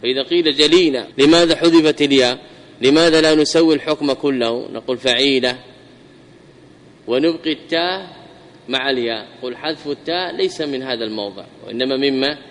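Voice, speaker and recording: A man giving a classroom grammar lesson, repeating examples slowly and putting questions to his students. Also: mid-range voice, fairly bright tone. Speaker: teacher explaining grammar. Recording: long reverb hall.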